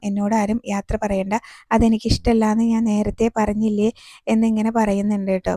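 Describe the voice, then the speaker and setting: A woman reviewer casually retelling a TV serial episode, scene by scene, with frequent soft tag words. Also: medium pitch, no room sound, studio quality.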